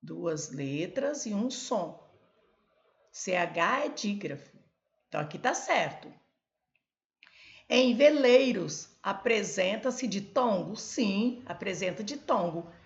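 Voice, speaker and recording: A woman's voice: medium pitch, expressive, slow, highs cut off. A woman teaching a Portuguese grammar lesson at a board, explaining step by step and pointing things out as she goes. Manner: explains step by step, many "olha" and "ó" prompts.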